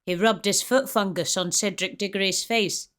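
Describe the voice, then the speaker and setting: A woman ranting through a comedic film reaction in a put-on Scottish accent, like a stern old teacher. She speaks at an ordinary middle pitch and keeps the delivery crude and exaggerated. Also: fairly even intonation, moderate pace, fairly bright tone, soft background music. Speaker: reaction video host.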